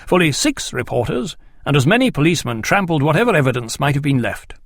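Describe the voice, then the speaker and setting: A man's voice: fairly high pitch, very animated, fast talker, vocal fry, a bit bright, no echo, studio quality, heavily acted. A man voicing a brusque, impatient male detective. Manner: curt, impatient.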